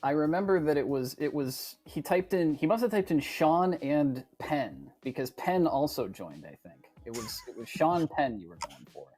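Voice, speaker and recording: A man's voice: fairly high pitch, lively intonation, normal speed, few pauses, darkish tone, faint music behind. A man guesting on a comedic podcast, talking in a mock-earnest, dry, self-promoting way. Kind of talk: casual comedic podcast chat.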